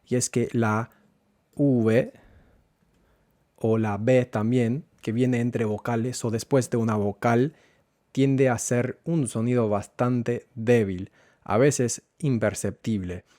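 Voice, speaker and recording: A man teaching a Spanish lesson, going slowly and repeating words so learners can follow. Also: mid-range voice, fairly even intonation, warm tone, dry recording, studio quality. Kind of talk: language lesson.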